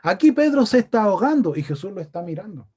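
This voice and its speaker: A Chilean man preaches in a high, mellow voice. He keeps it conversational and often turns to his listeners with questions. The sermon is delivered in a church meeting room. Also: very animated, fast, slightly rough. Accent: Chilean Spanish. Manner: conversational, asks the congregation questions.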